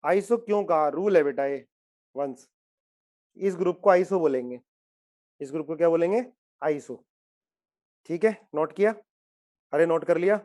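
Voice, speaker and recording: A man's voice: a little high, normal speed, pauses often, warm tone. A man teaching a chemistry lesson, asking his students questions again and again and coaxing them to answer. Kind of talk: classroom lecture.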